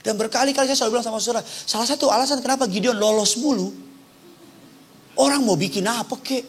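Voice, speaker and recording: High-voiced impassioned preacher man. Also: quick pace, husky. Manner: impassioned, call-and-response preaching with humor. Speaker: pastor. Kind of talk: sermon. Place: church service.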